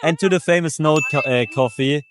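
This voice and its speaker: A man's voice: a little high, brisk, a loud crowd. A man from Germany, a tourist, answering street interview questions casually with some hesitation. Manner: casual, hesitant, listing places.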